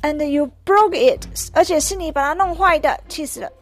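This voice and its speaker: A woman's voice: fairly high pitch, lively intonation, normal speed, faint music behind. A woman voicing a little pig who gets upset over a new toy, saying each line in English, then Chinese. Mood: indignant.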